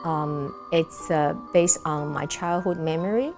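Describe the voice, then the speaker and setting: Speaking low and at a measured pace, a middle-aged Taiwanese choreographer and dancer thoughtfully answers interview questions, often using fillers and restarting sentences. Music plays behind her.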